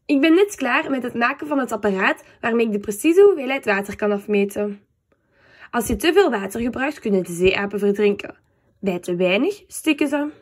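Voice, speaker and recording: A woman voicing Terry, an excitable and dreamy young man in a storybook, who talks high, fast and pleading. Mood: eager.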